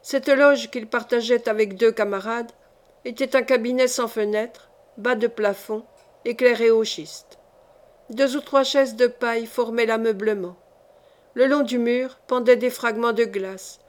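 This audiobook reader narrates a classic novel with care and a steady, measured pace, keeping the story clear. Her voice sits slightly high for a woman.

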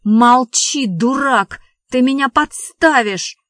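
A woman's voice: fairly high pitch, animated, normal speed, no room sound, studio quality. A woman reading the lines of a short-tempered man who barks insults, as an audiobook dialogue reading. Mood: snarling.

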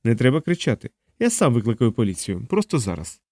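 Audiobook: male reader as a calm, menacing boss type, curt bass orders, dry studio sound. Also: dry recording. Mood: cold command. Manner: curt, measured, dull bass. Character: cold commanding man, calm and menacing. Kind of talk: audiobook character voice.

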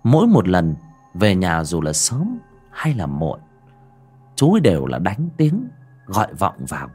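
A man narrating a spooky folk tale in a dramatic way that turns hushed at tense moments. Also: deep voice, huge pitch swings, measured pace, husky, soft background music. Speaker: storyteller.

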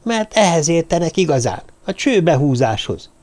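A man voicing a sulky, angry dwarf who hisses and squeaks, in an audiobook. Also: big pitch swings, darkish tone. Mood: bitter. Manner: hissing, squeaky. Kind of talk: audiobook character voice.

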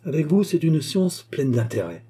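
A man's voice: on the high side, very animated, normal speed, mellow, slightly rough, pitched above the performer's own voice, exaggerated voice. A man voicing a queen who asks eager, gracious questions. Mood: curious. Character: curious, pleased female queen.

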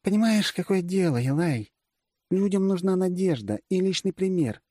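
A man's voice: sits high, animated, normal speed, dark tone, no room sound, studio quality, pitched above the performer's own voice. A man reading an audiobook, voicing a blunt, sarcastic older female generalissimo. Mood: lecturing.

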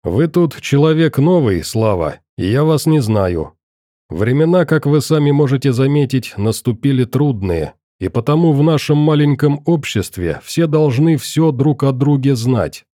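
A man's voice: mid-range voice, animated, dark tone, no echo, clean studio sound, pitched above the performer's own voice, lightly acted. A man doing a coldly polite interrogator. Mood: pointedly polite. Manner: pointedly courteous, probing, deliberate.

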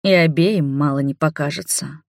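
A woman reading a fantasy story aloud in the first person, steady and expressive. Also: low voice, moderate pace, creaky, no echo, clean studio sound. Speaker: audiobook narrator.

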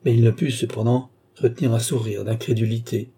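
A man narrating a classic novel as an audiobook. His reading is measured and deliberate, his voice very dark and mellow with a breathy, husky edge. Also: mid-range voice, fairly even intonation. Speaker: audiobook reader. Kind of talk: literary narration.

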